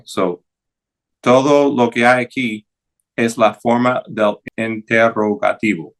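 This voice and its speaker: A man teaching a Greek class, going slowly and deliberately through word forms one at a time, with English fillers like "okay" and "so". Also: medium pitch. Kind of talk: classroom lecture.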